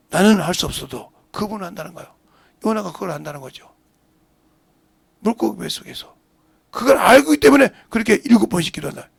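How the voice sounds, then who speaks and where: A middle-aged man preaches a sermon in a high, gravelly voice with a husky edge. He swings between hushed, whispered prayers and loud, shouted appeals, and his pitch moves all over the place. The sound is dry and close. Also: no room sound. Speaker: pastor. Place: church sanctuary.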